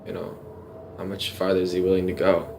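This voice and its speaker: Gravelly sarcastic young man, as an actor plays him. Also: low-pitched, little pitch movement, a little fast, background noise.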